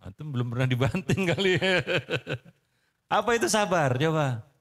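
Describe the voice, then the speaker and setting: A man's voice: on the high side, lively intonation, normal speed, fairly bright tone. A man giving a casual sermon to a congregation, bantering, quizzing his listeners and laughing often. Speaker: preacher. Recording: long reverb of a hall.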